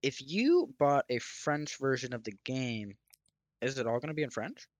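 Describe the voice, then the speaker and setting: A man's voice: mid-range voice, big pitch swings, moderate pace, no echo. A young man co-hosting a casual podcast chat, easygoing and teasing, dropping in lots of short replies. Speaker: podcast co-host.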